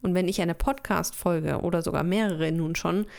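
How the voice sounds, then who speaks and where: Woman podcast host, slightly gravelly voice, casual explainer into a studio mic. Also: fairly low pitch, normal speed, a little mellow. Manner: casual explanatory, conversational, with fillers. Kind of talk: solo podcast monologue. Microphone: studio microphone with headphones.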